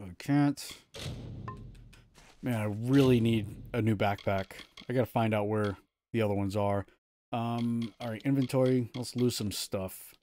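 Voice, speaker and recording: A man in his thirties streams a game from home, chatting casually and joking about his own play. His voice is medium-pitched and a little mellow, with a faint hiss or hum in the recording. He's chatty and self-mocking, restarting his sentences often as he comments live.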